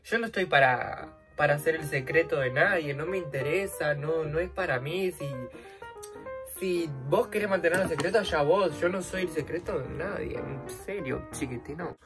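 Over music, a young woman speaks at a moderate pace in Rioplatense Spanish. She's a vlogger doing her makeup and narrating a dramatic, slangy story that lurches between loud outbursts and low asides.

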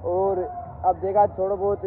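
A young man vlogging in a casual, joking and excited way. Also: sits high, normal speed, narrow, tinny audio, slight background noise. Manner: excited, joking, laughing often. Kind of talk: casual vlog chat.

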